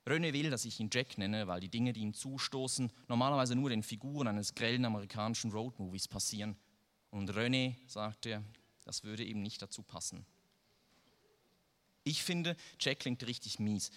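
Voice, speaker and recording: A man's voice: on the low side, moderate pace, a bit bright. A man reading a first-person story aloud in a dry, wry manner. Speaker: narrator. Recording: long reverb.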